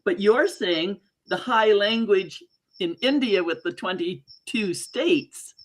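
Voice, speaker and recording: Interview host: woman, mid-range voice, conversational, expressive, given to exclaiming and paraphrasing. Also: medium pitch, slow, rough recording.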